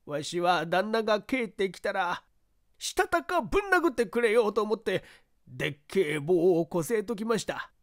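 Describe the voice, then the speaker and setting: A woman's voice: medium pitch, sing-song, moderate pace, close to an everyday voice. A woman voicing a simple, earnest old male servant who talks in a thick rural dialect. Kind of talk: audiobook character reading.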